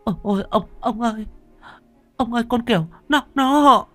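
A woman's voice: fairly high pitch, very animated, moderate pace, fairly bright tone, dry recording, faint music behind, voice pushed up. A man voicing a panicked older village wife who stammers in fear, in a told ghost story.

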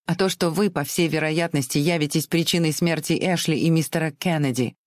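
A reader voicing a spiteful spinster in an audiobook, sharp and accusing. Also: medium pitch, steady tone, a little fast, no room sound, clean studio sound, close to an everyday voice. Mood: gloating. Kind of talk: audiobook reading.

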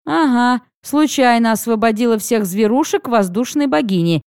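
Casting: woman reading a sly older dragon uncle, drawling and mocking, lively swoops of pitch, dry studio sound. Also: moderate pace, clean tone, no echo. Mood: wry. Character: wry, teasing older male dragon uncle. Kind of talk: audiobook reading.

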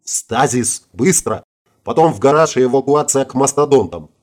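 A man's voice: medium pitch, animated, normal speed, natural voice. A man voicing a curt commanding major. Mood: urgent. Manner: curt barked orders.

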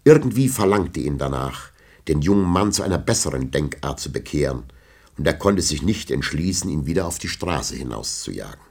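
A man reading an audiobook in measured, scripted storytelling narration. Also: rumbling low, expressive, husky. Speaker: audiobook reader.

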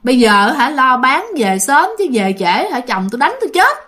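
A woman's voice: sits high, normal speed. A woman voicing a fiery Southern village market woman. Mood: worried. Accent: Southern Vietnamese. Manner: lively, exclamatory. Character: feisty young woman selling sticky rice, quick-tempered.

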